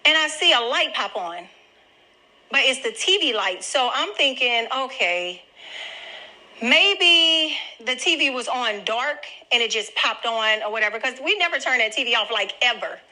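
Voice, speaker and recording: A woman's voice: a little high, expressive, measured pace, sharp tone, rough recording. A grandmother telling viewers a personal story in a chatty, direct way. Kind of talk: casual storytelling to camera.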